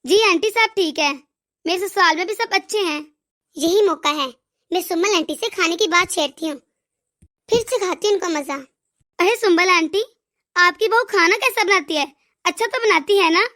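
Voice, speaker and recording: A woman voicing a caring young sister-in-law in an animated moral story, calm and reassuring. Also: extremely high pitch, moderate pace. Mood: friendly.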